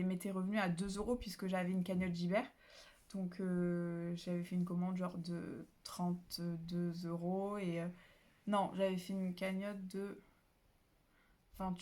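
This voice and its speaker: Chatty rambling woman book vlogger. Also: medium pitch. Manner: chatty, rambling, many fillers and self-corrections. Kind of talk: casual chat. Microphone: phone.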